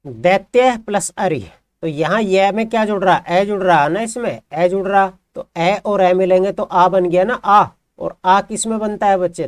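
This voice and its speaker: A man's voice: high voice, a little mellow, dry recording. A man teaching a grammar lesson who explains patiently and keeps asking his students questions, then answering them himself. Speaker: Hindi teacher.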